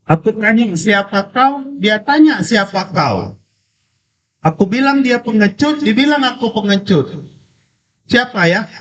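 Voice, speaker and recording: A man voicing an upset young boy who complains loudly in a high voice, heard through a distant, echoey, dull recording. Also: expressive, a little slow. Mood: aggrieved. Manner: high-pitched, shouting and complaining. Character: young boy upset by an echo, hurt and indignant.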